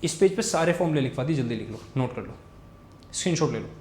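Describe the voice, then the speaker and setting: A young man teaching a physics lesson, quick and repetitive, urging students to watch closely. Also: medium pitch, animated, darkish tone, slight background noise. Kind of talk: fast Hindi tutoring lesson with board writing. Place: room, recording a class video. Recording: echoey room.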